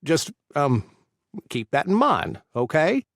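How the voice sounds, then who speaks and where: A man voicing an awkward, flustered stepfather in an audiobook, speaking in halting, fumbling bits. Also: on the high side, huge pitch swings, fairly bright tone, dry recording, clean studio sound, full character voice.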